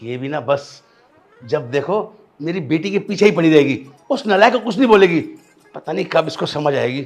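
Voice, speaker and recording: Father role played by a man: exasperated, scolding, gravelly voice. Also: a little high, expressive, moderate pace, soft background music. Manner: scolding, fed-up. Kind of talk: comedy sketch acting.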